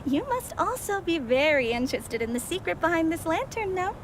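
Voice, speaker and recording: A woman voicing a poised, secretive young mage heir who speaks in a composed, measured way. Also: extremely high pitch, sing-song, background noise.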